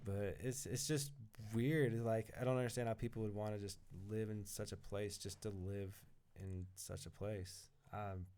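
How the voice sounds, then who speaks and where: A man's voice: fairly low pitch, fairly even intonation, moderate pace, warm tone, clean tone. A man in a casual podcast conversation, rambling, laughing often and swearing now and then. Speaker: podcast guest or co-host. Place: indoor podcast recording in Colorado.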